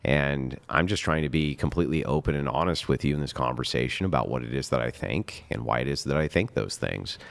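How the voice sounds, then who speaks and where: Deep-voiced man lecturing emphatically. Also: brisk, creaky, hardly any pauses. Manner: lecturing, emphatic, swears and laughs. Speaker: debate guest. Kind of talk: heated debate chat.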